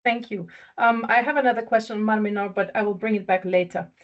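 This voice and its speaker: A woman's voice: mid-range voice, steady tone, fast, highs cut off. A woman moderating a webinar, polite and full of ums as she introduces the next speaker. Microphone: video call.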